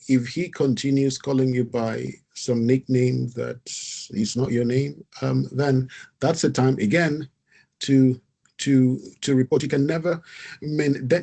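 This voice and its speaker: A man's voice: medium pitch, creaky, warm tone. A man pastor giving earnest advice in an online talk over a video call, often repeating his words. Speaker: pastor and facilitator.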